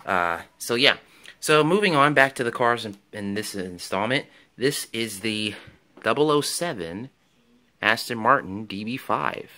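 Bright-voiced man rambling about toy cars. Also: fairly low pitch, expressive, unhurried. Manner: rambling, enthusiastic, many ums and restarts. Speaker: toy car collector vlogger. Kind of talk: casual show-and-tell vlog.

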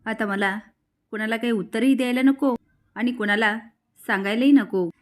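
A woman's voice: fairly high pitch, moderate pace, close to an everyday voice. A woman voicing a sly, spiteful young woman who talks smugly to herself, in a drama recap. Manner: smug, muttering to herself.

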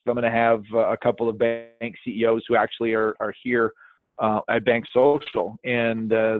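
A man rambles through a casual webinar update, stacking fillers and restarting his sentences. His voice sits at an ordinary pitch. It comes through a thin, phone-like call line with no room sound at all. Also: dry recording. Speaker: podcast host and webinar co-presenter. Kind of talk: casual conversational webinar talk. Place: at a conference, joining remotely. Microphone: online call audio. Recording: tinny call-line audio, dry.

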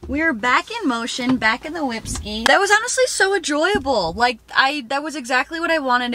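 A woman's voice: on the high side, bright, forceful tone. A young woman in her twenties chatting casually to her phone camera from inside a parked car, upbeat and full of "like" fillers. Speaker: vlogger. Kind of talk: casual vlog chat to camera. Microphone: phone camera at arm's length.

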